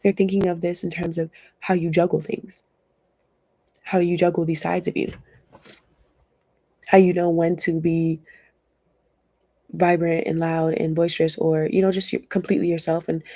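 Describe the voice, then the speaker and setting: In a loose, talkative tarot session, a young woman laughs frequently while speaking in a low, dark, gravelly and husky voice. Her delivery is flat at a normal speed, broken by frequent pauses, and the audio is dry and close with no sense of a room.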